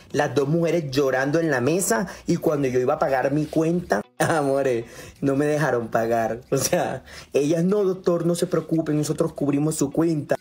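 A man's voice: fairly high pitch, darkish tone, breathy edge. A man, a doctor, telling a funny gossip story to camera, laughing often and acting out voices.

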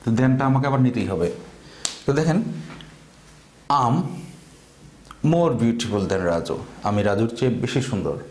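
A man's voice: mid-range voice, lively intonation, a little mellow, slight background noise. Echoey-voiced Bangladeshi man teaching grammar. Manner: explains slowly, repeating example sentences. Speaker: English teacher. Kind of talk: bilingual grammar lesson.

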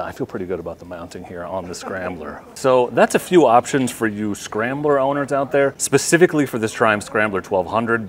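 A man in his thirties presenting products in a relaxed, friendly walkthrough in a large indoor showroom. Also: fairly low pitch. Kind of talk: product demonstration.

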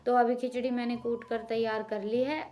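Fairly high-pitched and warm, yet flat in delivery, this thirty-something Haryanvi woman speaks at a moderate pace. She is a village cooking vlogger from Haryana, India, walking her viewers through each step in a homely, chatty voice-over.

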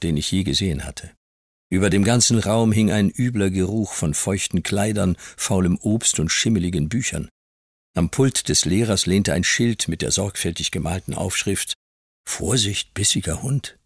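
A man narrating a classic novel in the first person as an audiobook reader, calm and measured. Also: low-pitched, no room sound, clean studio sound. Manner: calm storytelling.

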